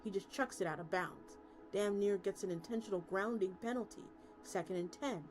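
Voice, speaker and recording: A woman VTuber streamer narrates a story in a medium-pitched voice at a normal pace, putting expression into it. She stumbles at times and restarts lines, with music in the background.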